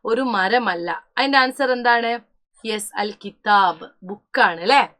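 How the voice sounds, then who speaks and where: A woman's voice: fairly high pitch, slow pace, a bit bright. A young woman teaching an online class, who talks to her students as children, asks questions and answers them herself, and often stops to correct herself. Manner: mixes English words into her speech, corrects herself often.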